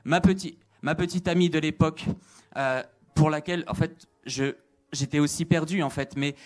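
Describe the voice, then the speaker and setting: A man's voice: on the high side, steady tone, moderate pace. A man giving an earnest religious testimony, repeating phrases and hesitating with fillers. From Italian. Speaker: testimony speaker.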